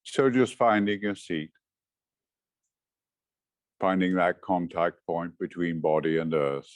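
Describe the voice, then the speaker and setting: A meditation teacher with a low, steady voice leads a session in short, measured phrases, speaking very slowly and gently with space between instructions. The recording is dry, with no room sound.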